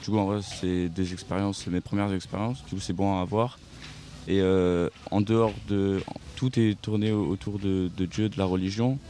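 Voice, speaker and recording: Teen boy guest, deep mellow voice, casual and informal, faint ambience. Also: moderate pace, slight background noise. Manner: relaxed, informal youth speech. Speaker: young guest. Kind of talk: casual interview answers.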